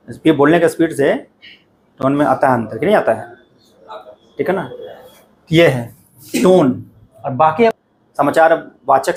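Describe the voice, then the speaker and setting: A man's voice: fairly high pitch, a little mellow, a little hiss or hum. A middle-aged man teaching a class, lecturing students directly in a conversational classroom style and often checking they follow. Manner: addresses students directly, repeats "ठीक है ना" often. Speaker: coaching teacher.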